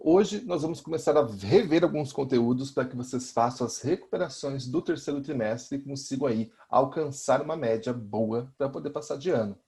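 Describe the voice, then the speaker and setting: A man's voice: medium pitch, moderate pace, few pauses, dark tone. A man with a Brazilian Portuguese accent teaching a recorded lesson, explaining step by step and often checking in with his students.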